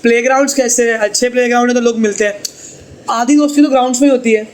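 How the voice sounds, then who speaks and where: A man's voice: very high-pitched, steady tone, very fast, a little hiss or hum, poor audio. A man teaching a tuition class, chatty and teasing as he explains. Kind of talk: classroom lecture.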